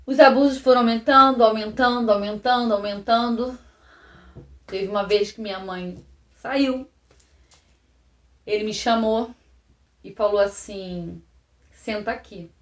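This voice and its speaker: A vlogger with a Brazilian Portuguese accent gives a personal testimony to the camera. She speaks haltingly, repeats phrases, and often drops into a soft, low voice, and the recording has a roomy echo.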